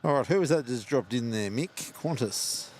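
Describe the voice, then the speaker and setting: A man's voice: mid-range voice, animated, moderate pace, darkish tone, slight background noise. A man co-hosting a live stream, chatting casually and joking.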